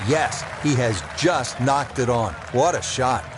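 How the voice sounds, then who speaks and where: A man doing golf commentary as lead announcer, calling shots in short, measured phrases. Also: mid-range voice, crowd noise, noisy background.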